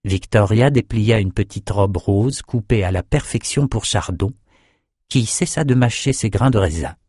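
A man narrating a fantasy audiobook in a measured storytelling voice. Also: fairly low pitch, a little mellow, slightly rough, no echo, clean studio sound. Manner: measured storytelling, acts out characters. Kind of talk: scripted narration.

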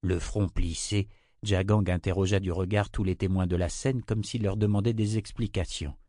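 Low-voiced man reading an audiobook. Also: fairly even intonation, moderate pace, dark tone, dry recording, studio quality. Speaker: narrator. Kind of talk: audiobook narration.

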